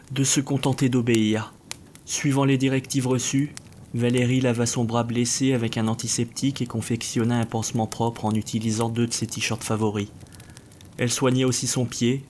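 A man reading a dark fantasy story aloud as narrator, steady and measured. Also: medium pitch, a little hiss or hum. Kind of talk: scripted narration.

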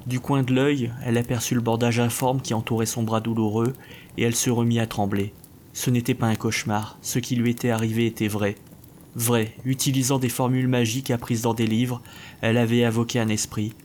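A man reading a dark fantasy story aloud as narrator, steady and measured. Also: mid-range voice, a little hiss or hum. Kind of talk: scripted narration.

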